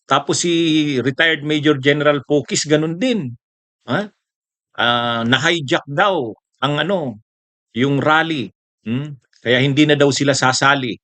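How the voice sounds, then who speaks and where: A man's voice: fairly high pitch, bright, forceful tone, no echo. A man hosting casual political commentary, mocking his targets, chuckling often and throwing tag questions at viewers.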